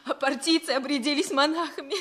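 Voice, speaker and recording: An actress playing the long-suffering, devoted wife of a revolutionary, emotional and dramatic in a theatrical radio drama. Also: female voice, sits high, steady tone, fast, a bit bright. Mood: agitated recounting.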